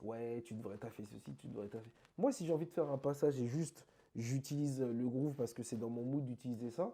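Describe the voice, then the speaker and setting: Guy from france chatting about dance, super bright voice, animated and slangy. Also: medium pitch, fairly quick, breathy edge. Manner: animated, emphatic, slangy speech. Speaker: interview guest, krump dancer. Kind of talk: casual conversational interview.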